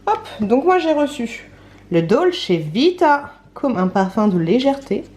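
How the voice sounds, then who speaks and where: A woman's voice: a little high, sing-song, measured pace, a little mellow. A young woman, chatty and playful, vlogging casually at home with lots of fillers and asides to her viewers. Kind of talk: casual vlog chat. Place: at home, indoors and outdoors.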